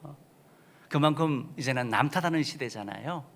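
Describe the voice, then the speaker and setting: Male senior pastor in a church sanctuary, gravelly and bright, emphatic sermon delivery. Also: medium pitch, moderate pace. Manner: emphatic preaching with sudden loud rises and soft drops.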